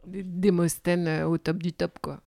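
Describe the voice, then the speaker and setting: A woman interviewer asking questions in a relaxed, conversational way. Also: lowish voice, unhurried, vocal fry, no room sound, clean studio sound.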